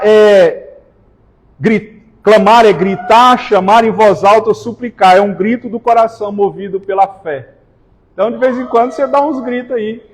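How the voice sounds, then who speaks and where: A man preaching a sermon in a church, with slow emphatic stresses and joking asides to the congregation. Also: high voice. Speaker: pastor. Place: church hall. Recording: reverberant church hall.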